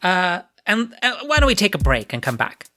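A man's voice: high voice, wildly swooping pitch, moderate pace, music in the background. A man co-hosting a podcast in casual chat, rambling with many fillers and laughing often. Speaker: podcast co-host.

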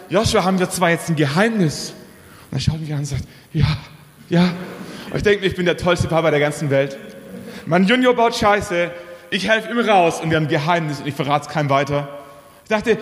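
A man around forty giving a storytelling sermon at a youth church service, telling a lively family anecdote. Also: sits high. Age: 40s. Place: church hall. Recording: long hall reverb.

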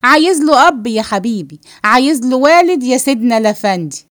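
A woman voicing a brash, defiant young woman with an Egyptian accent, shouting and sharp-tongued in a read-aloud play. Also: high voice, lively intonation, fast, no room sound, studio quality. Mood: scolding.

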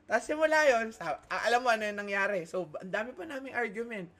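High-voiced young man telling a story. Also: fast talker. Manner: animated, swearing, loud when excited. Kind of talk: casual chat, storytelling.

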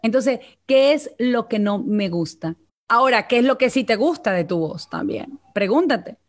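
A woman's voice: fairly high pitch, expressive, normal speed. A woman from Venezuela, a vocal coach and guest, talking in a coaching tone and addressing listeners directly in a live online interview.

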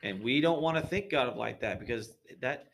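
A man's voice: medium pitch, lively intonation, a little fast, vocal fry, a bit bright, slight background noise. A man guesting on a podcast, talking earnestly about faith in a preachy way with many restarts.

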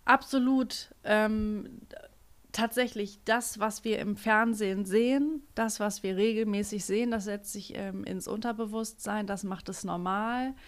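A woman's voice: medium pitch, steady tone, unhurried. A young woman co-hosting a podcast in casual chat, talking in an opinionated way with frequent restarts. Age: young adult. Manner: chatty, opinionated, restarts often. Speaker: podcast co-host.

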